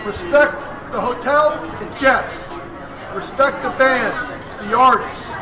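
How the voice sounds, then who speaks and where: A man acting as convention emcee who calls loudly out to the audience in a rousing way. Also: very high voice, slow. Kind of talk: addressing a crowd. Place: convention hall. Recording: echoey hall with crowd and music.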